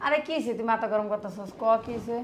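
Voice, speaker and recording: A woman playing a worried middle-aged mother who calms her son. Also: fairly high pitch, fast talker, a little hiss or hum, lightly acted. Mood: soothing. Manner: soothing, resigned.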